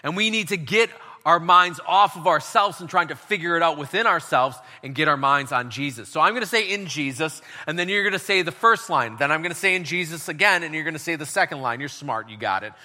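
Bright-voiced preaching man in a hall. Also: a little high, lively intonation, brisk, hardly any pauses. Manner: emphatic preaching, leads the congregation in call and response. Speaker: pastor. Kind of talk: sermon.

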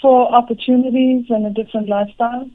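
A middle-aged woman from Africa, answering interview questions calmly and briefly. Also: on the high side, fast, no echo, phone-quality sound. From South Africa. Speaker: guest, home health care business owner.

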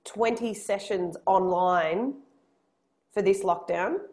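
A woman with an Australian accent, a personal trainer co-hosting a casual podcast chat, with a loud, strongly projected voice. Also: medium pitch. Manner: lively and quick when excited.

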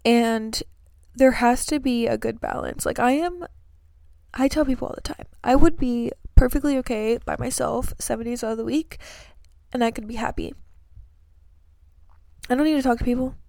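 Sleepy and yawning, a young female vlogger chats to camera about her life and offers breakup advice, earnest and full of fillers. Her slightly high voice is creaky and mellow at a moderate pace with long pauses, recorded in studio quality with no room sound.

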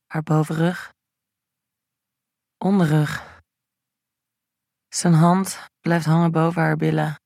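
A man narrating an erotic audio story in a slow, even, intimate reading. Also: a little high, dry recording, clean studio sound.

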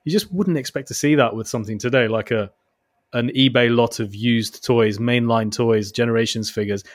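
A man's voice: medium pitch, moderate pace, no echo, studio quality. A man on a casual podcast chat, reflective and telling anecdotes. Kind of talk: casual chat about collectible toys.

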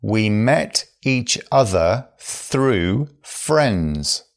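A man reading phrases for learners, each one slowly and then again at normal speed. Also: lowish voice, lively intonation, vocal fry. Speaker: phrase teacher.

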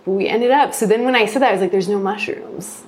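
A woman's voice: medium pitch, quick pace, slight background noise. A young woman who grows mushrooms, telling a story in casual chat and acting out quoted exchanges, with some swearing. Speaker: mushroom grower, guest.

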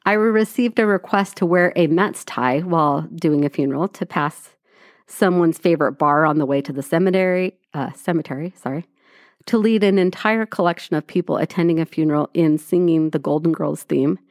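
A woman co-hosting a podcast reads a blog aloud to her co-hosts in a dry, wry manner, occasionally correcting herself. Her voice is low-pitched and brisk, with no echo.

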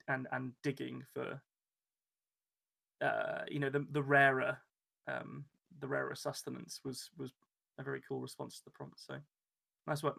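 A man co-hosting a podcast, chatting casually and halting often, with many restarts and filler words. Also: medium pitch, vocal fry, fairly bright tone. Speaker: podcast co-host. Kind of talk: casual chat.

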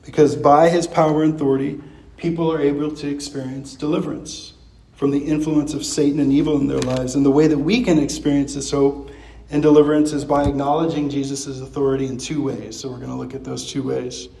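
A man's voice: fairly high pitch, level tone, a little fast, gravelly, warm tone, roomy sound, low-quality recording. A man preaching a sermon as pastor, talking in a loose, conversational way with many fillers and restarts.

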